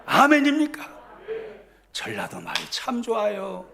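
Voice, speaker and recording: A man preaching a sermon as pastor, in call-and-response style, swinging between loud emphatic lines and soft low ones. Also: wildly swooping pitch, a little slow, gravelly. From South Korea.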